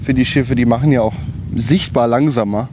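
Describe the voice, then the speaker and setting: A man's voice: medium pitch, fairly quick, background noise. A man hosting a hiking podcast outdoors, explaining things in a casual, conversational way as he walks. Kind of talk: casual on-location commentary.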